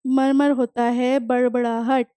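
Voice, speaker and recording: A woman's voice: sits high, flat delivery, mellow, smooth, dry recording, clean studio sound. A young woman teaching an English lesson, reading textbook lines and explaining them in Hindi, repeating words to drill their pronunciation. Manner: reads English text slowly, then explains in Hindi. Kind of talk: classroom lecture explaining a textbook chapter.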